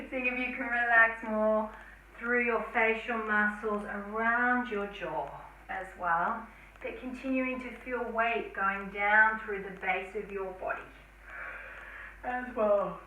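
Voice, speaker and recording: A woman teaching a guided yoga class, giving slow, soothing cues with soft sighs, recorded indoors. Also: fairly high pitch, a little hiss or hum. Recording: echoey room from a distance.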